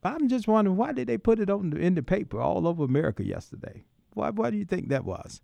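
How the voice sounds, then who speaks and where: A man's voice: high-pitched, big pitch swings, fast talker, vocal fry, warm tone, dry recording. A man hosting a call-in radio talk show, folksy and preacherly, voice rising and dropping in emphatic bursts. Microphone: studio microphone.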